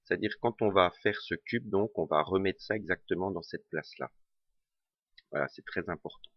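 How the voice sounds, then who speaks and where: Hesitant tutor, man, regional French accent, deep voice, dull dry lo-fi recording. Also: normal speed, no room sound. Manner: hesitant, many fillers and self-corrections. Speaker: puzzle tutor. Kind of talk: casual spoken tutorial.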